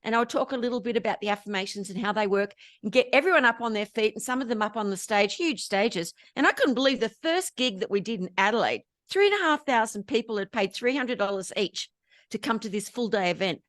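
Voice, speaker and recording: An Australian woman telling lively stories as an interview guest, often laughing between anecdotes. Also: a little high, fairly quick, dry recording, clean studio sound. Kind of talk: storytelling in casual interview chat.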